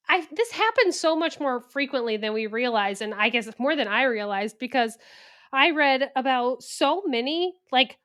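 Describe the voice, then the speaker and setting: Smooth, slightly high-voiced woman podcaster. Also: a bit bright. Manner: chatty, laughs often, self-deprecating. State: a little tired. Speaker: podcast co-host. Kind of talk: casual true crime podcast chat.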